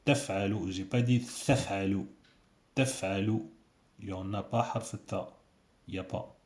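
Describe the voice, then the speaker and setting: A man's voice: fairly low pitch, fairly even intonation, normal speed, darkish tone. A man teaching a casual video lesson, patiently repeating sounds for learners. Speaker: Arabic teacher. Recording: echoey room.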